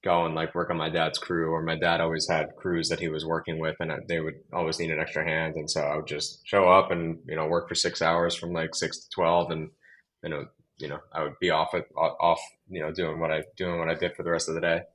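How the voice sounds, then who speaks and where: Interview guest: young man from New York, low and level delivery, chatty and meandering. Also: completely flat delivery, a little fast, fairly bright tone, low-quality recording. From Long Island, New York. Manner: rambling, many fillers and restarts. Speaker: guest, real estate developer. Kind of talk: casual interview storytelling.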